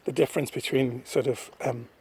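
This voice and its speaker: A man talking into his phone on a misty countryside walk, thoughtful and rambling, pausing often. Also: mid-range voice, steady tone, dark tone. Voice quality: husky. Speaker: vlogger. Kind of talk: casual walking vlog monologue. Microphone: phone held at arm's length.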